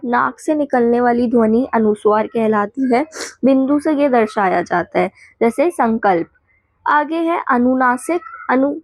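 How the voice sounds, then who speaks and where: A woman teacher going quickly through exam revision points, listing definitions and checking in with the class as she goes. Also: a little high, dry recording.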